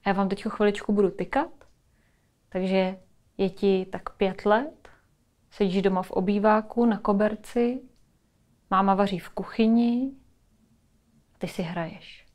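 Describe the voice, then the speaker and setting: A woman calmly leading a guided imagery exercise in a webinar, speaking softly and narrating a scene. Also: mid-range voice, long pauses. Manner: soft, calm, storytelling.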